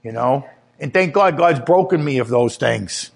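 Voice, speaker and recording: A man giving a sermon, earnest and personal, telling his own testimony and growing louder and higher when he stresses a point. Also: animated, a little slow, creaky. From Italian heritage. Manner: earnest testimony, rises in pitch when emphatic. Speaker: preacher.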